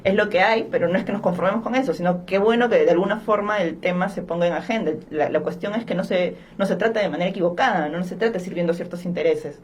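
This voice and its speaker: A woman hosts a discussion podcast, posing questions and chiming in conversationally with short remarks. Her voice sits a little low. A faint hiss lies behind the talk. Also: quick pace, hardly any pauses. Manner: conversational, interjecting with short affirmations. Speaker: podcast host.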